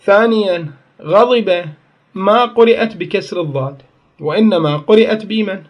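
A man teaches a grammar class in a somewhat high voice. He asks his own questions and answers them, working through each point in order. He often tells his students to take note and write it down. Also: moderate pace, lo-fi sound. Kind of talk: Arabic grammar lesson.

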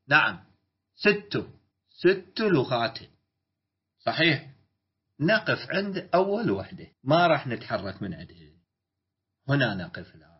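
Man, Iraqi Arabic accent, high voice, grammar teacher, repeats and quizzes students, dull lo-fi recording. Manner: drawn-out, repeats key words, quizzes students. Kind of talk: classroom lecture.

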